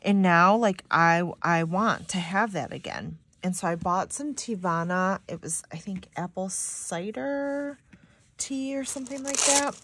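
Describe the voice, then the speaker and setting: Her mid-range, slightly bright voice has a stuffy, nasal edge and a measured pace. A young woman from Michigan who vlogs about planners, she addresses viewers directly while decorating one, rambling casually with plenty of "like"s.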